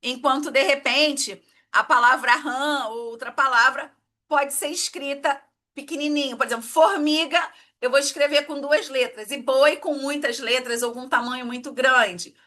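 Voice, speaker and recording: Bright, high-voiced woman teacher. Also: steady tone, normal speed. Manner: explanatory, checks in with "tá?" and "né?". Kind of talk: exam-prep lesson.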